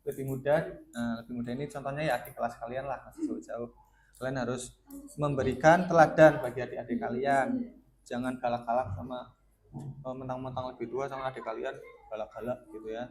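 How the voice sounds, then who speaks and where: A man's voice: mid-range voice, fairly even intonation, a little fast. Casual male counselor leading a class. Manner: casual, keeps asking students questions. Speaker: school counselor. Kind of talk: classroom group guidance lesson. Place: school classroom. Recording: classroom with student chatter. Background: students talking and answering.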